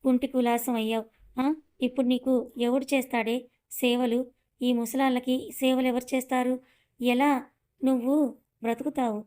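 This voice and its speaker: A woman's voice: high voice, little pitch movement, moderate pace, pauses often, mellow, close to an everyday voice. A woman voicing a mean, scornful older woman who mocks and scolds. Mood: mocking. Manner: mocking, scolding.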